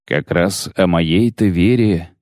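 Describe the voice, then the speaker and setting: A man voicing a gruff, terse witcher in an audiobook reading, clipped, dry and sardonic. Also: low voice, lively intonation, measured pace, darkish tone, no echo. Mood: curt. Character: gruff, terse male witcher, weary and skeptical.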